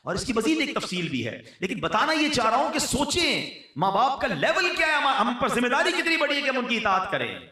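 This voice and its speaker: A man preaching an Islamic sermon, animated and rising to emphatic exhortation. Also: very high voice, recorded from a distance. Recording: echoey hall, voice from afar.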